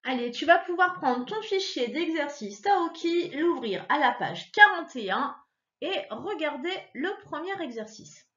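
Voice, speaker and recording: In a muffled recording, a woman who teaches primary school walks a child through reading, breaking words into syllables and saying them again with patience. Her tone is bright and forceful, and her pitch leaps upward on points she emphasizes.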